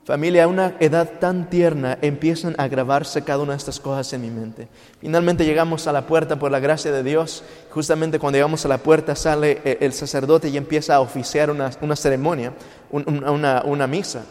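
Preacher in a long-reverb hall. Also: male voice, fairly high pitch, steady tone, a little fast, darkish tone. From Mexico. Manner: emotional storytelling, acts out quoted voices, mixes in English. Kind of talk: sermon with personal testimony.

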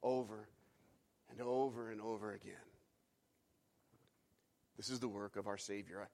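A man's voice: fairly low pitch, fairly even intonation, a little slow, creaky. Man preaching with rising fervor. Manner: builds from hushed reflection to fervent, loud climaxes; repeats phrases for emphasis, some restarts and fillers. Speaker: pastor. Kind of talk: sermon.

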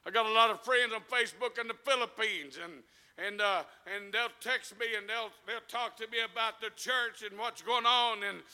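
A man's voice: high-pitched, moderate pace, bright, forceful tone, clear, resonant tone. A male preacher, mixing folksy stories with fervent preaching. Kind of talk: sermon.

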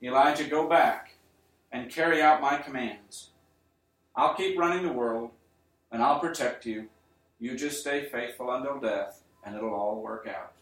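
A man's voice: medium pitch, unhurried, a bit bright, natural voice. A male preacher voicing God, firing off reproachful rhetorical questions, in a roomy space with a distant mic. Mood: reassuring. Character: God, stern yet caring almighty father.

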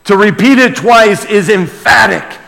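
A man with a high, unhurried, creaky voice and a sharp edge preaches a sermon and reads scripture aloud, emphatic and reverent. He stands before a congregation in a large church hall, and the live, amplified sermon rings with the reverb of the big space.

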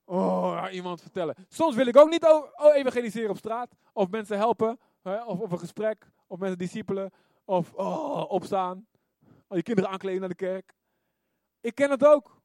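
A man preaching a sermon in a lively way, often calling out amen and asking his listeners to agree. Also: high-pitched, moderate pace, dry recording, clean studio sound. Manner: lively, often asks "ja toch?" and calls "amen".

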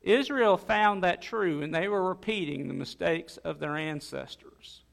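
Gravelly high-pitched preacher in a reverberant hall. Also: male voice, a little slow, a bit bright. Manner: conversational, with many fillers and restarts. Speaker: pastor. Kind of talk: sermon.

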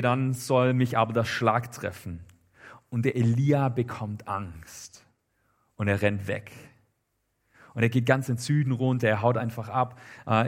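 A man preaching a sermon, retelling a Bible story in a casual, lively storytelling way with frequent fillers. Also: medium pitch, slightly rough.

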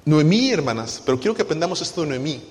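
A young adult man preaching a sermon as pastor, moving between loud pleading and soft, confiding asides. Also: on the high side, very animated, fast. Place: church sanctuary. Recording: reverberant church hall with soft music.

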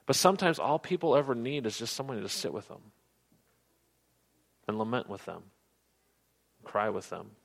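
A man preaching a sermon, earnest, often dropping to soft, low tones for emphasis. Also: sing-song, moderate pace, gravelly, long pauses. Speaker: pastor.

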